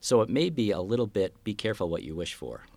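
A man giving analytical market outlook commentary in an interview, explaining his views in a measured way as a guest strategist. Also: on the low side, big pitch swings, vocal fry, darkish tone, no echo.

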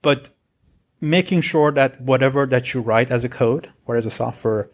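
A man in his forties, originally from Iran, appears as a podcast guest and tells his career story as a software architect in earnest, rambling casual chat. His voice is mid-range and his pace moderate.

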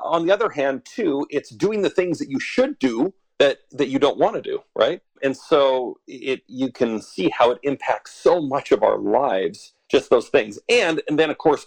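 This Albertan author in his forties, guesting on a podcast, is thoughtful and chuckles and uses fillers often. His voice is mid-range and animated at a normal speed, and the low-quality recording has no echo.

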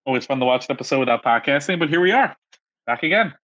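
A man's voice: mid-range voice, very fast, no room sound, muffled recording. A man co-hosting a casual podcast, talking in a loose, rambling way with plenty of fillers. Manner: animated, rambling with many fillers. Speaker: podcast co-host.

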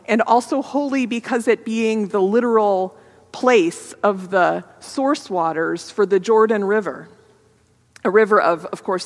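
A woman's voice: mid-range voice, in a large hall. A woman pastor giving a sermon in a reflective, conversational way, in a church sanctuary.

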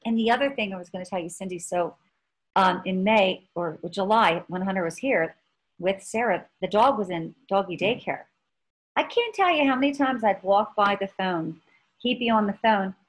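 A woman's voice: medium pitch, normal speed, poor audio. A woman in her fifties co-hosting a casual chat, telling stories in a rambling way with many restarts. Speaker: podcast co-host.

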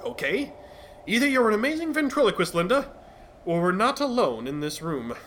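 A man's voice: high voice, sing-song, normal speed, fairly bright tone, a little hiss or hum. A man playing the pompous Midnight Sleuth. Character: cowardly, pompous, scatterbrained male sleuth. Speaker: bumbling detective in a radio-drama parody. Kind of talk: 1940s radio acting.

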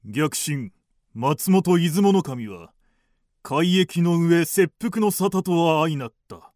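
A man playing a slow, formal magistrate. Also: a little high, darkish tone, dry recording, studio quality. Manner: measured, formal, pronouncing verdicts. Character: dignified male magistrate passing judgment.

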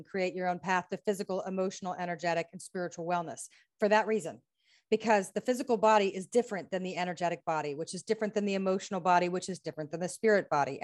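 An American woman who works as a healing practitioner and author speaks in a medium pitch as a guest in a conversational interview. She is earnest, works through lists of questions, and laughs often.

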